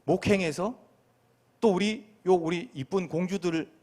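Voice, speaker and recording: A man's voice: high-pitched, measured pace, a little mellow. A middle-aged man, a pastor, preaching a playful sermon to a children's group and asking the listeners questions.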